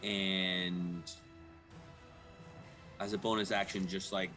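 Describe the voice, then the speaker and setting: A man chats casually as he plays a tabletop game. His voice sits fairly low and he takes his words slowly, with faint music behind him. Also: flat delivery, sharp tone.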